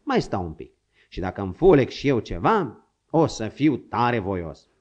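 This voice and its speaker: A man voicing a gruff, crafty old male frontier hunter who grumbles and scolds, in a dull lo-fi audiobook recording. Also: medium pitch, sing-song, a little mellow. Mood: easygoing.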